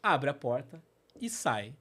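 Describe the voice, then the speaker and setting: A middle-aged man with a Brazilian Portuguese accent telling personal stories on his podcast, animated and full of fillers. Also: medium pitch, slow pace, breathy edge. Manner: animated, acts out quotes, many fillers like "né" and "tipo assim". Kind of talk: casual storytelling.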